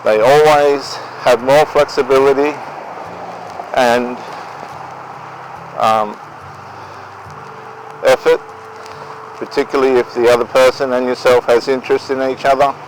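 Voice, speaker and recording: Aussie guy talking advice to camera, really slow and halting, bit of noise outside. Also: mid-range voice, steady tone, poor audio. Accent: Australian. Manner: deliberate, halting delivery. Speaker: vlogger giving relationship advice. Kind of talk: unscripted monologue to viewers. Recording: outdoor noise behind the voice.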